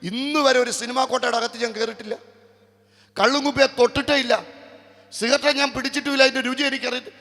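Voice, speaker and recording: High-pitched gravelly pastor, echoing hall. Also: male voice, fairly even intonation. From Kerala, India. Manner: swings from quick, chatty storytelling to slow, forceful preaching. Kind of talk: evangelistic sermon. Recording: long hall reverb.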